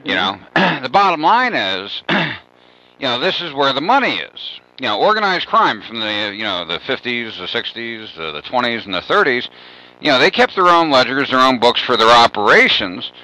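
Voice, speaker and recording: A man's voice: medium pitch, big pitch swings, moderate pace, sharp tone, poor audio. A man being interviewed as a guest on a radio talk show, rambling and storytelling with many "you know" fillers.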